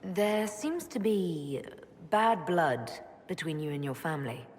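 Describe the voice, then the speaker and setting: An actress playing a composed, sympathetic female elf mage hero in a video game, speaking in a measured, restrained way. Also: on the low side, expressive, a little mellow, big-room sound. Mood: calm curiosity. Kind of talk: video game dialogue acting.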